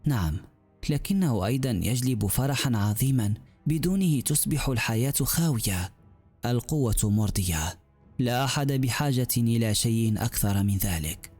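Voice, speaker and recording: A man voicing a gentle young female healer who talks in a calm, earnest way. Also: mid-range voice, moderate pace, slightly rough, faint music behind. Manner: calm, earnest, softly reasoning.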